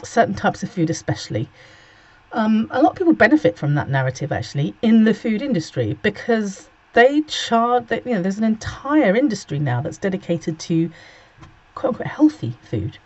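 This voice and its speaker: A host in his forties delivers a casual solo monologue, sarcastic and blunt, swearing freely and sounding a bit sniffly from a cold. His voice is high-pitched and sing-song at a normal speed, on a dull lo-fi recording.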